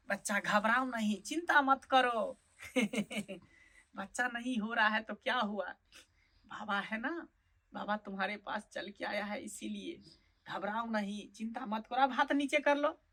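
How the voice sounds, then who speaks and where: A woman's voice: on the high side, a bit bright. Woman playing a sly chuckling fake holy man. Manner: sly, wheedling, chuckles often. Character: sleazy lecherous fake holy man, male, middle-aged. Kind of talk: comic sketch acting.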